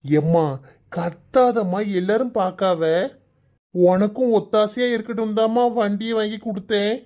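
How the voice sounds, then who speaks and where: A woman voicing a gentle grown son in a Tamil cartoon who pleads with his mother and keeps the peace, with a Kanyakumari Tamil accent. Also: mid-range voice, normal speed, lightly acted. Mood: pleading. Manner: soothing and pleading. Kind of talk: cartoon voice acting.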